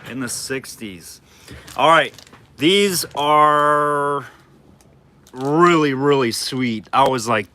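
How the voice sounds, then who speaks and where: Male livestream auctioneer, bright forward tone, loose chatty delivery with quick bid calls. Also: medium pitch. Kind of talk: casual live auction chat.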